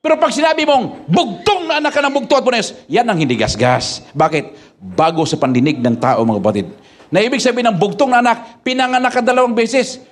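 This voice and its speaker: A male pastor preaching a sermon, firing rhetorical questions at his flock and rising into shouted bursts. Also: very high voice, fast talker.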